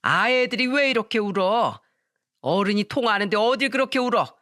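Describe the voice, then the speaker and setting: Woman putting on a sharp, complaining older mother-in-law, loud and lively. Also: on the high side, moderate pace, dry recording, clean studio sound. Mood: annoyed.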